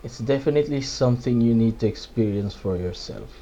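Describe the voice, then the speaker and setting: A man's voice: medium pitch, expressive, a little fast, dark tone, dull audio, a little hiss or hum. A man narrating a video essay that reviews a game, with dry sarcastic asides.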